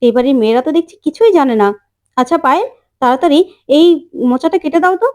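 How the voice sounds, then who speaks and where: A woman reading a bold, sharp-tongued young daughter-in-law, retorting and teasing. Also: high-pitched, animated, fast talker.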